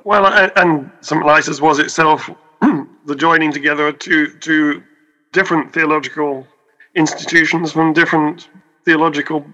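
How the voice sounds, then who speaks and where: Croaky man with a cold. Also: fairly high pitch, fairly even intonation, moderate pace, sharp tone, dull audio. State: has a cold. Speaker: podcast co-host. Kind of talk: casual panel chat over video call. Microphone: video call.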